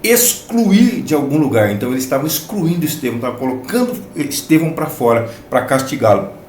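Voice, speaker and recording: A man's voice: medium pitch, big pitch swings, fairly quick, a little mellow, echoey room, a little hiss or hum. A man from Brazil teaching a Sunday school Bible lesson, explaining each point emphatically and repeating phrases for stress.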